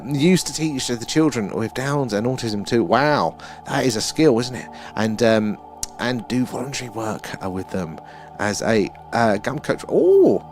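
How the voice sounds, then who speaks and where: Male stream host, Essex accent, low register, loose conversational delivery, music underneath. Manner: rambling, conversational, addresses viewers directly. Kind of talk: casual live stream chat and explaining.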